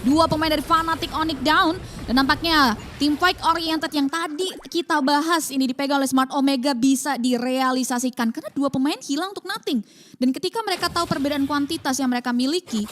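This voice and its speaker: Female esports co-caster, Indonesian accent, high pitch, analytical match talk with English jargon, some background noise. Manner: mixes English gaming terms into commentary. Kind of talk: analytical game match commentary.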